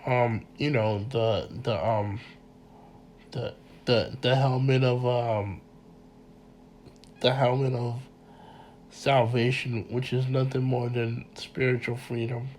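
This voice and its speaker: Male lecturer, stuffy and congested, slow halting delivery, mid-pitched, faint noise underneath. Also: level tone, darkish tone. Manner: halting, many repeated words and ums; earnest, addresses listeners directly. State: congested from a cold. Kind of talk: informal mini lecture.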